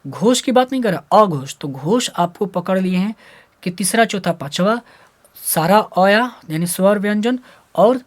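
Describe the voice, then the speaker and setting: A man teaching Hindi grammar to school students, repeating letter sounds aloud and asking and then answering his own questions. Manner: jumps between loud drilled syllables and low muttering. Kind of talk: explaining lesson to students.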